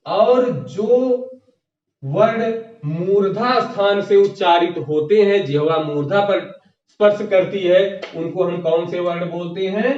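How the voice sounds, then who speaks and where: A man's voice: high-pitched, slow pace, darkish tone. A man teaching an exam-prep grammar lesson, asking the class questions and answering them himself, often repeating the key terms. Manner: repeats key terms, addressing viewers as friends. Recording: echoey, distant, dull lo-fi room sound.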